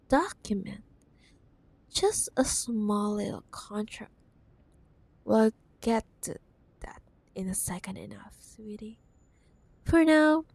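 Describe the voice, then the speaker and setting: A voice actor plays a woman's possessive, teasing cyberpunk CEO villainess ex-girlfriend in an intimate ASMR audio roleplay. Her fairly high, slightly mellow voice is unhurried, teasing and condescending, drawing out words and using pet names. The recording is very dry with no room sound.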